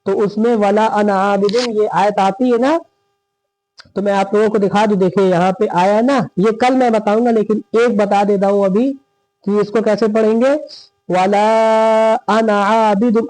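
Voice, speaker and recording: A man with a high but mellow voice teaches Quran reading step by step. He drags out each example word slowly and keeps asking if it is clear. The sound is dry and close, with no room echo. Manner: drawn-out demonstration of words, frequent checking "theek hai". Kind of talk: slow step-by-step recitation lesson.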